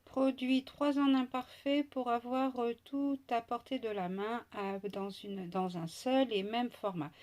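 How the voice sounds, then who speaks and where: A woman's voice: on the high side, fairly even intonation, a little slow, few pauses, darkish tone. A woman chatting casually through an unboxing at home, with many fillers, sometimes cooing to her pet. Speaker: beauty vlogger.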